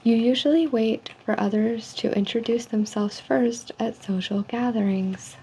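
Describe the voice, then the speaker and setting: Casting: woman, soft and dark-toned, ASMR customer service role-play, measured survey reading, faint background noise. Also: on the high side. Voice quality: soft, hushed. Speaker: ASMR role-player as call center agent giving a personality survey. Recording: dull lo-fi sound with faint noise.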